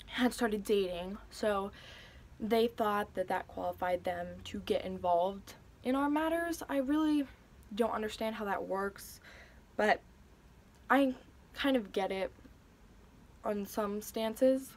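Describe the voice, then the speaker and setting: A woman's voice: mid-range voice, slow, long pauses. A young woman telling a personal story in a vlog, hesitant and emotional, with many fillers and restarts. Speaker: vlogger.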